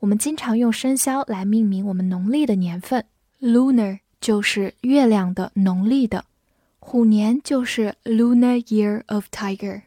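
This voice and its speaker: Mellow-voiced woman teaching English vocabulary. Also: medium pitch, no room sound, clean studio sound. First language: Chinese. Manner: spells words letter by letter and reads slowly. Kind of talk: vocabulary lesson.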